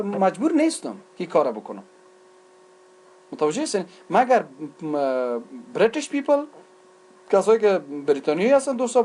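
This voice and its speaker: Afghan-accented man, english teacher, lively pitch, mixes dari and english, answers his own questions. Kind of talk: recorded lecture.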